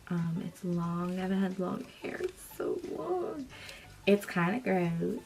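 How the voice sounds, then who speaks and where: A woman's voice: on the low side, big pitch swings, a little slow, gravelly, a little mellow. A young woman chatting casually as she does her makeup for a vlog, drifting into whispers now and then. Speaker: beauty vlogger.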